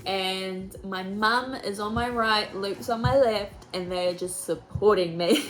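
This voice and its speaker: A young woman telling her own story in a casual vlog, chatty and animated, laughing often and acting out what others said. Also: mid-range voice, slow, a little hiss or hum, rough recording.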